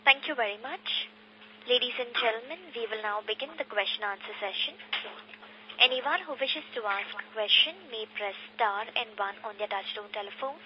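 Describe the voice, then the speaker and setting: A woman's voice: a little high, moderate pace. Formal woman operator, noisy phone line. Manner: formal, polite. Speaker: conference call operator. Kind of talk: scripted call moderation. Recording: noisy telephone line with clicks.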